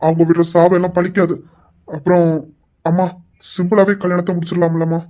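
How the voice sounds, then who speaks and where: A woman's voice: fairly low pitch, level tone, brisk, mellow. A woman retelling a TV serial, reading every character's dialogue with emotion. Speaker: storyteller voicing serial characters.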